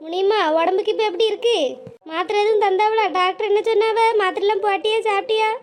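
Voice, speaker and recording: A woman's voice: extremely high pitch, steady tone, a little hiss or hum. A woman doing a bossy, caring village auntie. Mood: concerned. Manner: brisk, consoling, calls out loudly. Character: caring, scolding middle-aged village woman Ruku.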